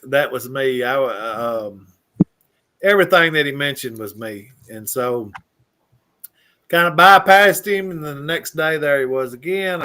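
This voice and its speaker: A man's voice: fairly high pitch, bright, forceful tone. A man from Mississippi with a Southern accent, telling his story in a folksy, casual way. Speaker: guest sharing his story.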